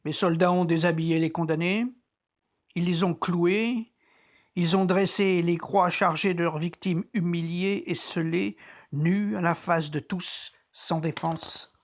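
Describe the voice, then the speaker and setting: An actor playing a troubled, conscience-stricken Roman centurion, reflecting deliberately in a dramatic biblical monologue as if talking to himself. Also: mid-range voice, steady tone, close to an everyday voice. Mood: reflective, ashamed. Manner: introspective, deliberate, theatrical.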